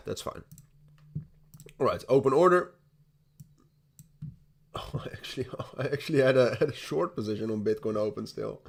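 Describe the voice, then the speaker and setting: Hosting a laid-back crypto livestream while trading, a young Dutch man speaks in a creaky, slightly rough, medium-pitched voice with a Dutch accent. He rambles, laughs frequently, keeps restarting his sentences and drops the occasional swear word.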